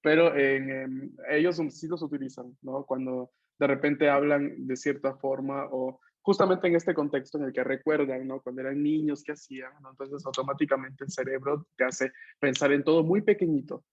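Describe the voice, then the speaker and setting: A man's voice: mid-range voice, steady tone, moderate pace, few pauses. Man teaching on a dull video call. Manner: explanatory, tags most phrases with a questioning "no?". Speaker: language teacher. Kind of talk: online Italian class taught in Spanish. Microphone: computer mic on a video call.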